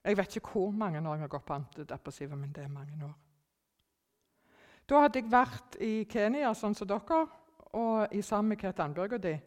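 A middle-aged woman giving a personal testimony to an audience, telling it in a lively way, acting out her own thoughts and sometimes dropping almost to a whisper. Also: mid-range voice. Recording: long hall reverb.

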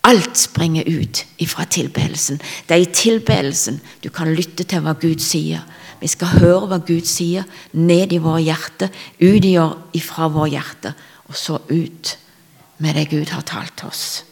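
A woman preaching a sermon with personal testimony, fervent, rising to loud emphasis and dropping to whispers. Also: low-pitched, gravelly, breathy edge.

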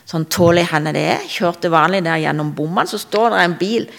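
A woman delivers a sermon woven with her own testimony. Her voice sits low and carries a gravelly rasp. She preaches fervently, swelling to loud emphasis and then falling to near-whispers.

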